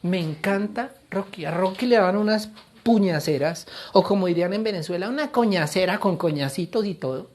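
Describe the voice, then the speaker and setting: A middle-aged male pastor giving a sermon, with an animated, playful delivery that acts out other voices. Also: high voice, fairly quick, slight background noise.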